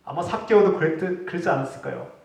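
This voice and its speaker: A man preaching a sermon as pastor, his voice rising for pointed rebukes and falling for quiet points. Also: sits high, fast, creaky. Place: church sanctuary. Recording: echoey hall, distant mic.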